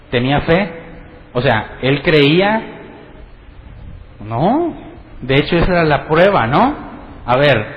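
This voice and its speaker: A man leads a Bible study sermon in a conversational way, often turning questions to his listeners. His voice sits somewhat high for a man. The recording is dull and lo-fi, with a long reverb from a church hall. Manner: conversational, asks the congregation questions. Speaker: pastor. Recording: echoey hall, dull lo-fi sound.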